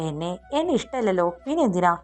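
Brief: woman as a feisty young heroine, pleading then defiant, lowish voice, soft music. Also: very animated, fast. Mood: hurt, defiant. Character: spirited young woman employee.

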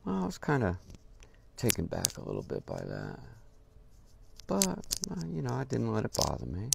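An older man telling a casual story about his drumming days, halting and unhurried, with many pauses and restarts. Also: fairly low pitch, wildly swooping pitch. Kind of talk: casual spoken anecdote. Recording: noisy recording with clear background hiss.

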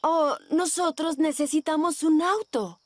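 High-voiced gentle mummy pig. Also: female voice, a little slow, dry recording. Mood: earnest. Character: gentle, practical cartoon mother pig.

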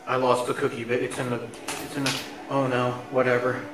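A man's voice: medium pitch, monotone, fairly quick, reverberant, distant mic. Man muffled through a face mask. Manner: mock-melodramatic complaining. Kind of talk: parody food review. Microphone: head-mounted camera.

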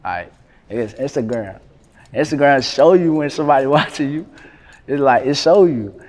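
A man, talking casually in an interview, relaxed and slangy with lots of fillers. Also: medium pitch, moderate pace. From North Carolina, USA. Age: 20s. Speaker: rapper, interview guest. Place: indoors by a brick wall.

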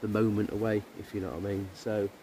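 A relaxed man talks to a handheld camera at a woodland camp, loose and chatty with plenty of ums. His voice sits low, and a faint hum of the outdoors hangs behind him. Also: quick pace. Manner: chatty and easygoing, with frequent ums. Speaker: outdoor camping vlogger. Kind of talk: casual chat to camera.

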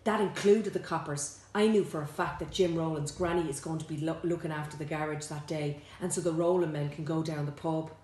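Woman author reading her own story at home; low voice, roomy echo, animated delivery. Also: fairly quick, hardly any pauses. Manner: lively, swoops high for quoted characters. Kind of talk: expressive reading aloud with character voices.

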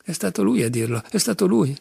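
A man voicing a tormented young man, agitated, insistent, raised pitch, gravelly, audiobook. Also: big pitch swings, fairly quick, warm tone, no echo, clean studio sound, heavily acted. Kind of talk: audiobook reading.

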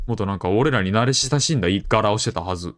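A young man with a Kansai accent commenting on a horror game as he plays, chatty and jokey, with sudden loud outbursts. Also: on the low side, quick pace, slight background noise. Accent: Kansai Japanese. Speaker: game streamer.

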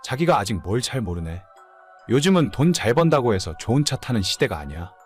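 A man's voice: medium pitch, big pitch swings, fairly quick, slightly rough, faint music behind. A man playing an immature, whining, hungover husband in his late thirties in a dramatized story. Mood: whiny, insistent. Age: late 30s. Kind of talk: dramatized audio story dialogue.

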